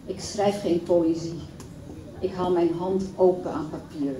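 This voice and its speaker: A woman reciting a poem at a public event in a measured, solemn reading. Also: fairly low pitch, fairly even intonation, noisy background. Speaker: poetry reader. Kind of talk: poetry recitation. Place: event hall. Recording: echoey hall from far off.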